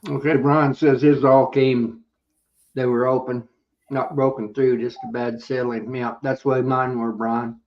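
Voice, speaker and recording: A man's voice: medium pitch, little pitch movement, measured pace. Folksy man on a dull lo-fi line. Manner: folksy, self-described hick, talks with mouth full. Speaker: beekeeper guest on live chat. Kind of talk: casual chat.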